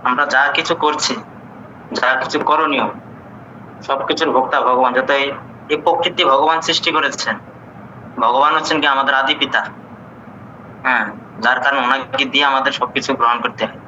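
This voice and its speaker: A man's voice: mid-range voice, steady tone, normal speed, pauses often, sharp tone, muffled recording, a little hiss or hum. A man who is a student in a scripture class, reciting a verse and then explaining it earnestly.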